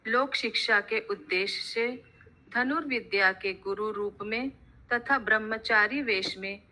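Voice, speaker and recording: A woman in an online class reading a scripture translation aloud slowly and carefully, with small slips. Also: medium pitch, sharp tone. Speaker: class moderator and reader. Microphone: video call.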